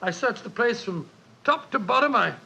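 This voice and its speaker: An actor playing a loyal, anxious gentleman doctor in a 1940s radio drama, earnest and excitable in an old-fashioned way. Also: very high-pitched, moderate pace, vocal fry, husky, exaggerated voice. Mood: concerned, puzzled. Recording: muffled, hissy 1940s radio recording.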